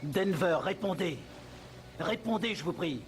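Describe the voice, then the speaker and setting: A man's voice: sits high, lively intonation, a little slow. An actor playing a male airline pilot radioing for help on his cockpit headset, using formal radio call phrasing. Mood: urgent. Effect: pilot calling on cockpit radio headset. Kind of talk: dubbed film acting. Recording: noisy soundtrack.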